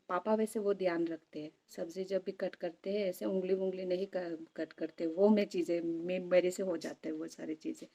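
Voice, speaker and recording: A woman's voice: lowish voice, mellow, slightly rough. A young woman vlogging casually from home, chatting in a rambling way and often checking in her listener. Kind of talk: casual home vlog chat.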